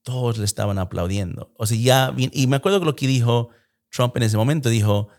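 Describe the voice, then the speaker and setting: A man's voice: medium pitch, fairly quick, a little mellow. A man giving conversational political analysis in Spanish with occasional English filler words, in a Spanglish manner.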